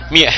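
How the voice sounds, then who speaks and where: A man preaching an impassioned sermon, shouting in bursts and then dropping low and quiet. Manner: emotional, admits getting carried away.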